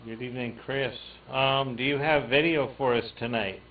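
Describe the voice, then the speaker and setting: A man hosting an amateur radio net check-in, speaking haltingly with many fillers over tinny radio audio with faint static. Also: medium pitch, fairly even intonation, distant mic. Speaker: net control host of a ham radio net.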